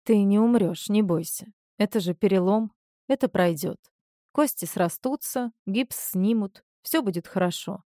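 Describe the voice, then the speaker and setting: A woman voicing a caring, obliging young man who speaks in a gentle, reassuring way. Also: mid-range voice, measured pace, no room sound, clean studio sound, close to an everyday voice.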